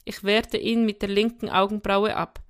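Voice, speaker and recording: Woman, audiobook reader, first-person storytelling, lively, expressive, smooth, resonant voice. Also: medium pitch, moderate pace. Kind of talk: first-person scripted narration.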